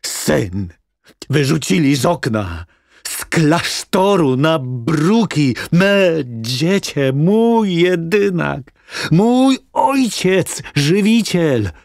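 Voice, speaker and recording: A woman's voice: sits low, very animated, drawn-out words, darkish tone, no room sound, full character voice. A woman playing a grieving, frantic, blind old mother in an audiobook drama, wailing and accusing. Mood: frantic grief. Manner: wailing, accusing, raw outbursts. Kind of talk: audiobook radio drama acting.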